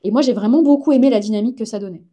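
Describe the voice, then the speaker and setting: A woman's voice: on the high side, very fast, dark tone. A woman, a comic artist and science journalist, chatting casually and enthusiastically as a guest on a live stream.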